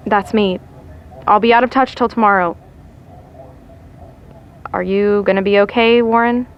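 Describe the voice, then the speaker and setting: With a smooth, medium-pitched voice and a slightly slow pace, an actress portrays a dry young woman teasing a friend on the phone. Her delivery is wry and deadpan, and the sound is muffled, as if through a phone line.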